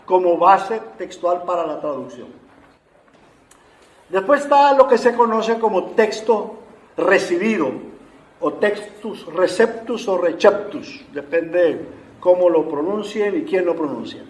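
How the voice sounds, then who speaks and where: Male lecturer, fairly high voice, patient explanatory delivery, echoey room. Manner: unhurried, explanatory, with frequent "eh" fillers. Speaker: Bible translation lecturer. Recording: roomy echo.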